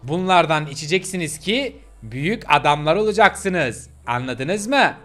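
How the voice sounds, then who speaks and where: A fussing, motherly aunt , as a man voices her, calling and coaxing the little ones in a high voice. She scolds gently, over faint music in a game video. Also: animated, unhurried. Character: caring motherly woman, an aunt to the puppies.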